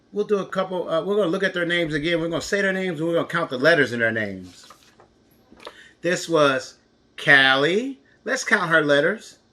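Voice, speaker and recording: A man's voice: on the high side, bright, forceful tone. A man teaching an interactive counting lesson to young children, encouraging, with exaggerated reactions and lots of questions.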